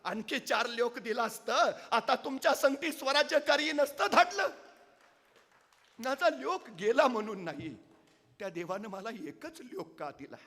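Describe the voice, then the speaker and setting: A man's voice: very high voice, very animated, a little slow, sharp tone, in a large hall, voice pushed up, exaggerated voice. A man voicing a fierce grieving village mother. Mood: impassioned. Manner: rustic village speech, emotional and insistent. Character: grieving old village mother, proud, defiant. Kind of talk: dramatic storytelling in a public speech.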